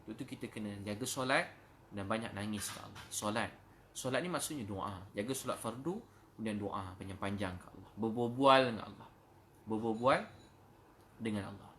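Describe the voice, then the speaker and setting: A middle-aged man with a Malaysian Malay accent delivers an emotional sermon. His voice sits low and turns to fervent pleading prayer. A faint background hum runs under the recording. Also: fairly bright tone. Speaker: preacher.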